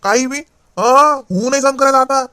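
A man's voice: extremely high pitch, normal speed, sharp tone, dry recording, clean studio sound. A man playing a preachy young nephew. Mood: indignant. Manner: lecturing, insistent. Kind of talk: comedy skit acting.

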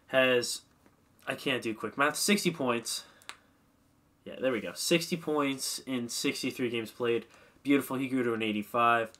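A slightly congested young man with a medium-pitched, sharp-toned voice commentates a hockey management game into his desk mic. He rambles casually and pokes fun at himself as a gaming commentator.

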